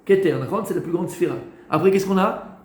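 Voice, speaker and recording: The echoey room carries a brisk, high male voice with a darkish tone. It belongs to a rabbi giving students a Torah class, who questions and answers himself while hesitating with fillers and repeating words.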